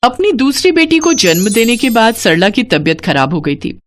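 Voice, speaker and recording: A woman narrating a scripted children's moral story in an expressive storytelling manner. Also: on the high side, moderate pace, a little hiss or hum.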